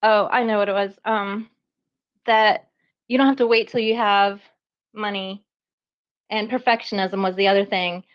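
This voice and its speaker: A woman chatting as a guest artist on a live online audio show, animated and self-deprecating, laughing often and a bit out of breath. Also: mid-range voice, moderate pace, pauses often, muffled recording. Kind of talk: casual chat on a live audio space.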